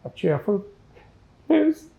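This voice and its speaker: A man's voice: sits high, very animated, slow pace, vocal fry, husky, narrow, tinny audio. A man speaking reflectively in an interview, often adding little tag questions. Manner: musing, with frequent tag questions.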